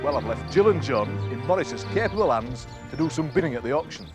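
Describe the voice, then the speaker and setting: A man's voice: medium pitch, expressive, fast talker, music in the background. A man working as a television presenter, explaining things in a scripted, conversational style.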